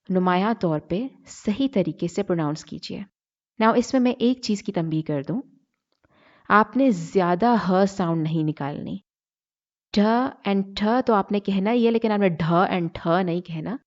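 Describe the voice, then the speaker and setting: A woman teaching English pronunciation in a deliberate lesson style, repeating words to model the sounds and mixing in English phrases. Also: on the low side, darkish tone, dull audio. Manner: switches between Hindi-Urdu and English phrases. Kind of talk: slow instructional lesson.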